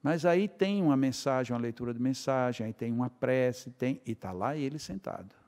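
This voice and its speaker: A man's voice: mid-range voice, lively intonation, normal speed, a little mellow. A man with a Brazilian Portuguese accent giving a talk at a spiritist center, telling anecdotes and acting out both sides of the dialogue. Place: lecture hall. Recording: long hall reverb.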